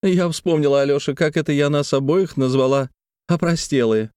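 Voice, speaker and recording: A man reading a young woman's lines in a story, speaking with bright, quick exclamations. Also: a little high, smooth, no echo, clean studio sound, pitched above the performer's own voice, close to an everyday voice. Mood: earnest. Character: young woman, lively, earnest and teasing.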